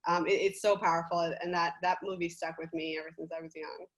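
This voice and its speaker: Animated young woman, podcast guest. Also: fairly low pitch, fast talker, poor audio. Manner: animated, gushing, laughs often. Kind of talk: casual podcast interview.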